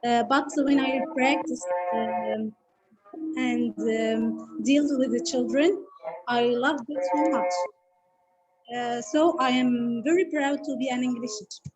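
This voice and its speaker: A woman who teaches English, giving a slow, hesitant practice speaking answer. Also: a little high, over music, poor audio.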